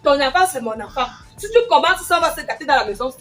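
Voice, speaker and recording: A woman's voice: high voice, animated, fast talker, soft background music. A woman playing a harsh, domineering stepmother who scolds her stepdaughter and barks orders at her. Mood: defiant arguing. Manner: barking orders, scolding and contemptuous. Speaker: actress in a family skit. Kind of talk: scripted skit acting.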